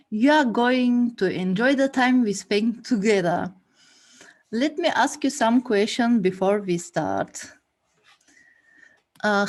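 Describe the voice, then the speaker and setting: A woman hosts an online meetup over a video call. She speaks slowly and carefully, pausing often on fillers as she walks the group through the agenda. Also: on the high side, darkish tone. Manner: slow, hesitant, many fillers. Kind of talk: hosting a video call meeting.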